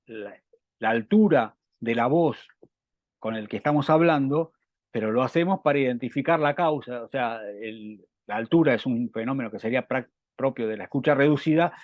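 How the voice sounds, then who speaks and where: A man with a Rioplatense Spanish accent giving a university lecture, halting with many restarts and fillers. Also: medium pitch, no echo, dull audio.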